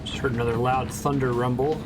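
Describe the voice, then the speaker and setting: A man's voice: mid-range voice, steady tone, fairly quick. Man with harsh, hissing s sounds. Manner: thinks aloud, rambling and self-correcting. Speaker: gamer playing through a game. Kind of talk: casual let's-play commentary. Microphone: desktop mic with software noise suppression. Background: loud game music.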